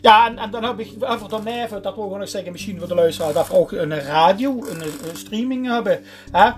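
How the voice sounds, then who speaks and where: A man's voice: high voice, fairly quick, soft background music. A man with a Limburgish Dutch accent co-hosting a podcast in casual chat, often searching for words. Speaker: podcast host.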